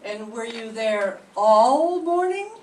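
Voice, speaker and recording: Her pitch a little high, an older woman in a radio drama class voices a shrewd, composed police inspector, acting out an old-time 1940s mystery. She probes sternly with slow, measured questions. The classroom audio carries echo, a faint hiss, and the sound of a far-off microphone.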